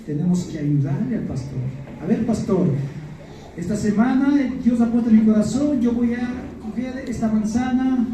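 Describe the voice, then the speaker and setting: A man's voice: very high voice, normal speed, dark tone, slight background noise. A man preaching a sermon to his congregation, earnest and often asking them questions. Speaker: pastor. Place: church. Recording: echoey church hall, mic far off, faint music.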